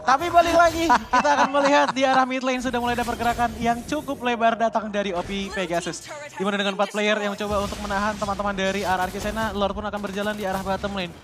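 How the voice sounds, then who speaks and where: A man's voice: sits high, level tone, fast talker. A man giving live mobile game commentary and analysis in a conversational, explanatory way. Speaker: esports match co-commentator. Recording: clear background noise.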